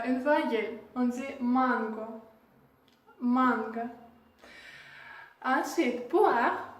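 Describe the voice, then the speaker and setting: A woman teaching a language lesson, patiently repeating each word slowly. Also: high voice. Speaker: Russian teacher. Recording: echoey room, distant mic.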